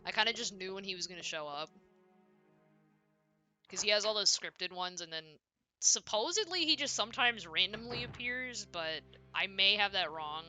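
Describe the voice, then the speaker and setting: A woman's voice: mid-range voice, lively intonation, moderate pace, pushed and bright, faint music behind. A woman streaming a horror game, chatting casually and reacting aloud as she plays, self-deprecating and talkative. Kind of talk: casual gameplay commentary.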